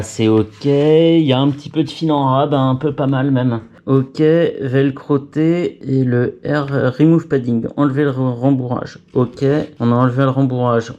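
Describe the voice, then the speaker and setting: A man's voice: medium pitch, mellow, lo-fi sound. A man talking casually to himself as he fits a headset into a helmet, muttering and joking at his own expense. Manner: chatty, muttering to himself, self-mocking. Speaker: vlogger fitting a helmet intercom. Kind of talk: casual talk to camera while working.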